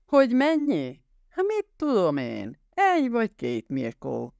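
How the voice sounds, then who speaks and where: A man voicing a drunk, violent, jealous husband who snarls and yells his threats, raised and loud against his own reading voice. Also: a little high, sing-song, clear, resonant tone, dry recording, dull audio. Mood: drunk raging. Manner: snarling, yelling, slurring threats.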